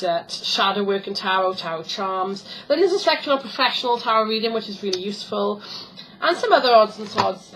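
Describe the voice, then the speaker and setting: A woman talks her way through an unboxing at home, chatty and a little rambling, stopping to correct herself. Her voice sits at an ordinary middle pitch, and faint room ambience hums behind her. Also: a bit bright, a little hiss or hum, rough recording. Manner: chatty and rambling, many ums and self-corrections. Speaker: tarot vlogger. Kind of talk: casual unboxing chat.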